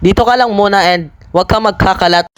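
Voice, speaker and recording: A man narrates his own game role-play in a high voice. He is excitable and breaks into loud, sudden exclamations. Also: brisk, a little hiss or hum. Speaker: gaming video creator.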